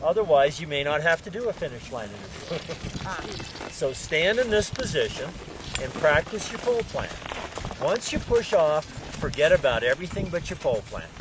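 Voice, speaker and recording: Male ski instructor, slightly high voice, folksy and jokey, projecting to a group; clear outdoor noise behind. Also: sing-song, moderate pace. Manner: folksy, joking. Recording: outdoor ambient noise, shifting distance.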